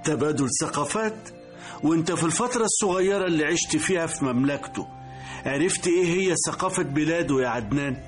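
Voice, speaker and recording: Man as a stern Egyptian king, slightly high voice. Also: fast, faint music behind, lightly acted. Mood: stern, probing. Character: stern, shrewd, principled king and father. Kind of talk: radio drama acting.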